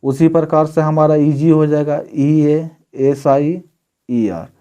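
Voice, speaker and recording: A man teaches English grammar in a patient classroom manner, reading each word in a list out on its own. His voice sits a little high for a man, with a soft, mellow tone. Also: clear, resonant tone. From India. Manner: explains slowly, reads word lists out one by one. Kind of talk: classroom-style grammar lesson.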